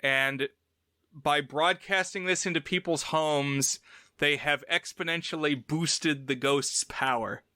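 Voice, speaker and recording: Bright, crisp-voiced man recapping a film. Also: on the high side, slow, no room sound, studio quality. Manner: recaps the plot at length in a loose, conversational way. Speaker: podcast co-host. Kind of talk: casual film review chat.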